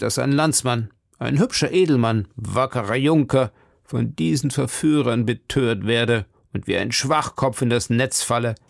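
A man reading aloud and voicing a stern, shrewd older captain of musketeers in a measured, lecturing manner. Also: medium pitch, vocal fry, dry recording, clean studio sound. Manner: measured, lecturing, drops to murmurs. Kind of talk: audiobook reading.

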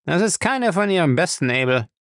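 Brash insolent thief, higher and pushier than the narrator, read by a man. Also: big pitch swings, brisk, creaky, no room sound, clean studio sound. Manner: cheeky, mocking, raised voice.

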